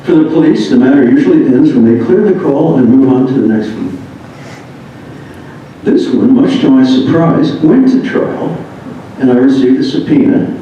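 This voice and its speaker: In an echoey indoor room, an American man of medium pitch reads aloud from another writer's memoir at a moderate pace, expressive and amused by its funny first-person anecdotes. The mic is distant, leaving the audio dull with a faint noise floor.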